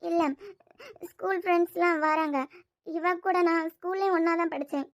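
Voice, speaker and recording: A woman with an extremely high-pitched voice does cartoon voice acting as an anxious young wife, sounding troubled. She speaks plaintively and hesitantly with a Kanyakumari Tamil accent, at normal speed and with fairly even intonation.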